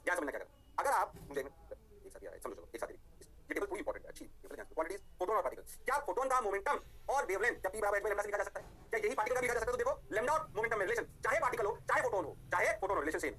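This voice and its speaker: A male physics teacher lectures at a very fast clip in a bright, forceful voice. He is playful and keeps checking whether his class has understood. His voice sits fairly high. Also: big pitch swings. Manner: rapid, playful, keeps asking if it is clear.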